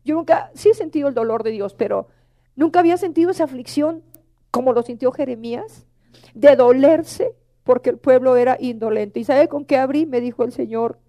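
A middle-aged woman preacher delivering an emotional, pleading sermon. Her voice sits high, with a warm, mellow tone. She keeps turning to the congregation as brothers and sisters. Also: brisk.

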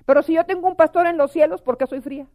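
A woman gives a fervent sermon testimony. Her voice sits high, and she keeps turning to the congregation with questions. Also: fast, narrow, tinny audio. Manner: impassioned, asks the congregation questions. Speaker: preacher.

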